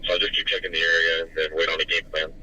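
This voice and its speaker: A police officer, a man, speaking over a police radio transmission in clipped, matter-of-fact radio traffic with halting fillers. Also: sits low, level tone, sharp tone. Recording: muffled scanner radio with hiss.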